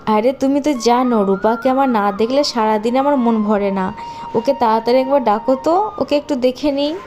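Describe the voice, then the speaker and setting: A woman voicing a doting, hot-tempered village father in a cartoon, talking in a loud, emotional way. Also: fairly high pitch, normal speed, a little hiss or hum, close to an everyday voice. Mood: pleading. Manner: shouting, emotional. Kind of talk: cartoon voice acting.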